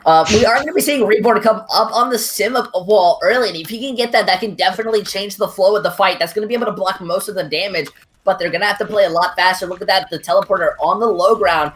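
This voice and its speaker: A woman casting a live esports match, giving a brisk running call of the action. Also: mid-range voice. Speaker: esports play-by-play caster. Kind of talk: live play-by-play commentary.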